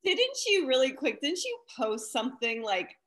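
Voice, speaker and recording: A woman's voice: sits high, sing-song, normal speed, a bit bright. A woman co-hosting a podcast, asking eager, playful questions in casual chat. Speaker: podcast co-host.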